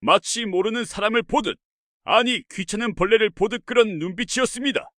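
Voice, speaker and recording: A man narrating a first-person family story in an earnest, steady way. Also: sits high, a little fast, dry recording, clean studio sound.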